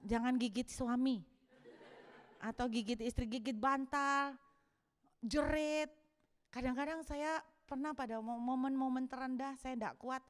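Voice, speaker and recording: A woman pastor preaching a sermon in an animated way, acting out scenes of shouting and crying. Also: high-pitched, unhurried. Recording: long hall reverb.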